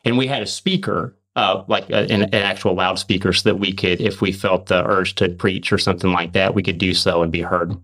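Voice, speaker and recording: A man's voice: low-pitched, fairly even intonation, a bit bright. A man on a podcast telling an earnest faith testimony, emphatic, often restarting and repeating words. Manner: emphatic, fast and repetitive restarts. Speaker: podcast host.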